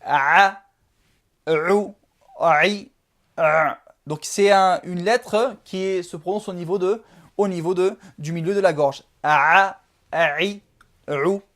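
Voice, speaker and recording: An unhurried teacher walks through each sound in a video lesson. The delivery is slow and patient, with every syllable repeated in careful drills and frequent checks that the viewer is following. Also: medium pitch. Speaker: Arabic alphabet teacher.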